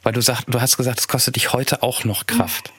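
A man co-hosting a podcast, questioning and halting, with frequent restarts. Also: medium pitch, steady tone, a bit bright, breathy edge, no room sound. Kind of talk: podcast conversation.

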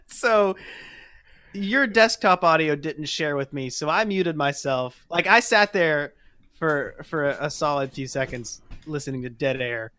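A man's voice: on the high side, unhurried, pushed and bright. A young man co-hosting a casual chat, laughing a lot and rambling with lots of filler words. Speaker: co-host.

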